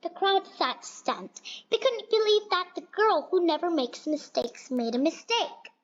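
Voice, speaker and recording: Reading a children's picture book out loud, a high-voiced woman takes an unhurried pace and delivers it expressively, though she stumbles slightly and repeats a word now and then. The sound quality is dull and lo-fi.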